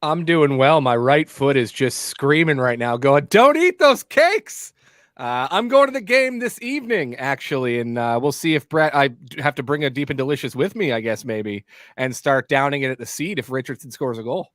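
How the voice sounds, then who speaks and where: A man's voice: mid-range voice, normal speed, no room sound, studio quality. A man guesting on a sports podcast, bantering playfully and joking about snacks. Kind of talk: casual podcast chat.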